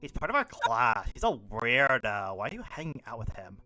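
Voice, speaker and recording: A man's voice: mid-range voice, sing-song, moderate pace, bright, forceful tone. Man doing a snooty gum-chewing cat girl. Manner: bored valley-girl drawl.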